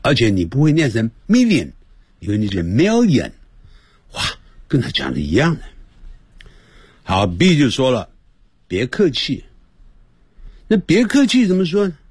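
A man teaching English phrases on an educational radio program, animated and playful, repeating each phrase slowly for listeners to copy. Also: medium pitch, husky, no echo, clean studio sound. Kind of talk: radio language lesson.

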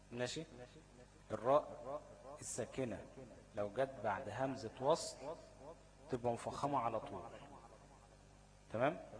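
A man's voice: mid-range voice, rough recording. A man with an Egyptian Arabic accent teaching recitation rules, who often checks understanding and turns key words into questions for his students. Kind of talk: tajweed lesson explanation.

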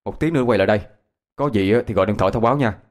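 A man's voice: lowish voice, rapid-fire, natural voice. A man voicing a practical, decisive young man.

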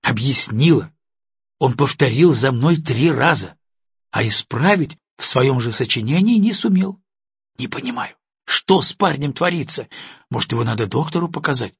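A man reading an audiobook, voicing an anxious, angry young mother who bursts out in shrill reproach. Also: lively intonation, normal speed, husky, no echo, lo-fi sound. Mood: guilty, worried.

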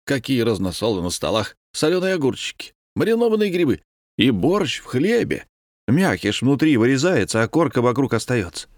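A man's voice: medium pitch, sing-song, moderate pace, no echo, clean studio sound, voice pushed up, lightly acted. A man voicing a delighted man in his forties. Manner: delighted, boastful. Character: cheerful forty-year-old man reporting his trip.

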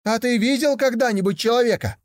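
A man's voice: very high voice, fairly quick, no echo, clean studio sound, voice pushed up. A man voicing a naive, hot-headed young male tiger in a storybook tale, exclaiming in a raised, eager voice. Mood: insistent.

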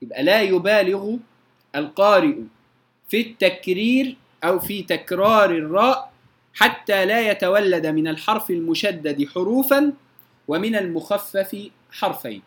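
A man's voice: high voice, expressive, moderate pace, fairly bright tone. A man gives a recitation lesson. He explains patiently and repeats example sounds to show them. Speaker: Quran recitation teacher. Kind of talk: tajweed lesson.

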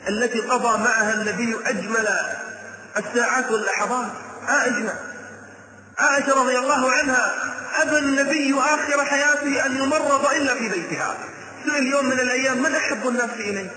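A man giving an impassioned sermon, telling stories dramatically and chanting verses in a slow melodic voice. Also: very high voice, steady tone. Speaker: preacher. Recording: echoey hall with noise.

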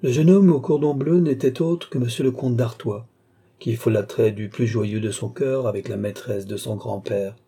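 A male narrator reading a classic novel with measured, expressive storytelling. His tone is very dark and mellow, with a husky grain. The pitch sits in the middle range. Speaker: audiobook narrator.

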